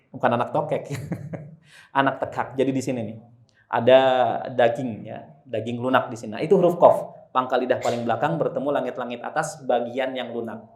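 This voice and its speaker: A man teaching Quran recitation to a congregation, drawing out slow chanted verses and joking between drills. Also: medium pitch. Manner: demonstrates slow drawn-out recitation, joking asides. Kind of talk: live tajwid class with congregation. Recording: echoey room.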